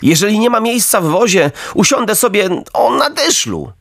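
A man voicing a reckless, cheeky boy who urges his friend along excitedly. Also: high-pitched, moderate pace, vocal fry, no echo, clean studio sound, pitched above the performer's own voice, full character voice. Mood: cocky. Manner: excited, persuasive.

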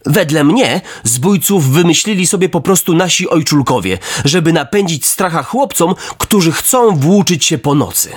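A man voicing a naughty, self-pitying wooden puppet boy in a storybook reading, in a high boyish voice. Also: big pitch swings, moderate pace, few pauses, breathy edge. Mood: indignant.

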